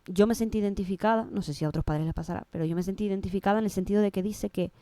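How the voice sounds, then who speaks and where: Warm, dark-voiced Spanish-speaking woman. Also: medium pitch, racing, dry recording. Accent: Canary Islands Spanish. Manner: emotional, restarts and repeats words, quotes her own thoughts. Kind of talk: casual interview conversation.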